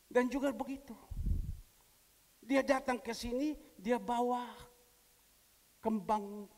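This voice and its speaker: A male pastor from preaching a sermon, telling a story with quoted dialogue and big swings in pitch and loudness. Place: church hall. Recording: long church hall reverb.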